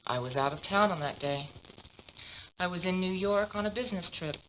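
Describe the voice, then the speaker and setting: A woman voicing a poised, low-voiced agency boss. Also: normal speed, a bit bright, slight background noise, lightly acted, low-quality recording. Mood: composed. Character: poised, businesslike female modeling agency boss. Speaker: modeling agency head in a mystery game. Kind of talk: dubbed video game dialogue.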